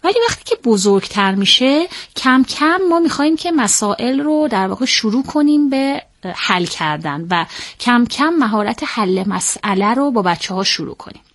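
A woman's voice: fairly high pitch, lively intonation. Methodical woman explaining parenting skills. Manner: measured, methodical, often pauses on fillers to rephrase. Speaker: parenting expert guest. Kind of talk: explanatory interview talk.

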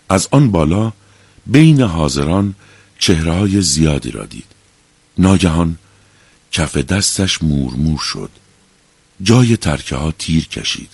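Man reading an audiobook, really low voice, calm and measured, dry close sound. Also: husky, no echo. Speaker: narrator. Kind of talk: scripted audiobook narration.

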